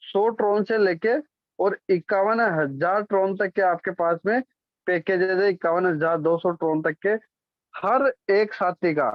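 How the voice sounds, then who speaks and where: A man's voice: sits high, a little slow, dry recording. A man presenting and explaining a business plan, checking in with his listeners often and correcting himself as he goes. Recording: dull, dry lo-fi sound.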